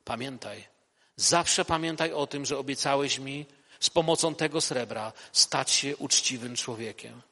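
A male preacher voicing a kindly old bishop, speaking low, slow and hushed, in an echoey hall. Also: very animated. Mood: solemn.

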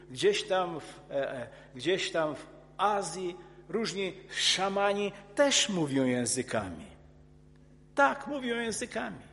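A man preaching a sermon in an earnest, emphatic way, often restarting his words and rising into forceful outbursts. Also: sits high. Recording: long hall reverb.

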